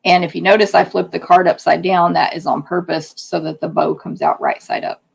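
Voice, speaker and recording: Woman craft instructor, hoarse and gravelly, chatty hands-on demo delivery. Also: lowish voice, level tone, brisk. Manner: chatty, hands-on explaining while working. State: losing her voice. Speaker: card-making instructor. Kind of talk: live craft demonstration.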